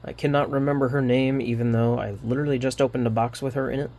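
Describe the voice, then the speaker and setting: A man rambling through a card unboxing, halting often with fillers and restarts, a little winded. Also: medium pitch, level tone, a little mellow. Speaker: card unboxing channel host. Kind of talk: casual unboxing commentary.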